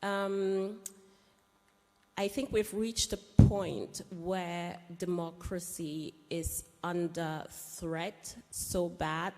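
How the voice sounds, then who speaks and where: Slow, hesitant woman panelist in a hall. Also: lowish voice, a little mellow. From Cameroon. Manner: hesitant, many ums, slow and emphatic. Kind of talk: panel discussion. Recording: reverberant hall recording.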